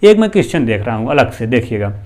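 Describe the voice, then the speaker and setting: A male math teacher giving a slow, repetitive classroom lesson, posing questions to the students and answering them himself. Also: medium pitch, very animated, darkish tone. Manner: often adds "bhaiya" and "theek hai na".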